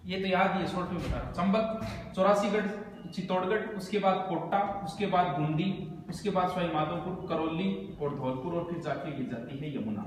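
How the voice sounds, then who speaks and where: Brisk male exam coach with a high voice, recorded in an echoey hall with long reverb. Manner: brisk, explanatory, repeats key points. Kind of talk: quick spoken geography lesson with memory tricks. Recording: very echoey, noisy room.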